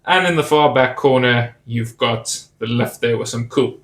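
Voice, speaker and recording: A man narrates a casual review of a toy set, pointing out details with easy enthusiasm. His medium-pitched voice is a bit bright, moves at a moderate pace, and carries a roomy echo.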